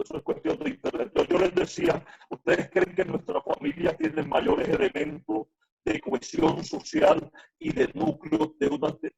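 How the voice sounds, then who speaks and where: A man moderating a video panel, his voice coming through choppy call audio on a laptop speaker, halting and repeating himself as the line breaks up. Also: very high voice, gravelly, a little mellow, muffled recording. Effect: choppy video-call audio, heard through a laptop speaker. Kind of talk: asking panel questions over a video call. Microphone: phone or computer on a video call.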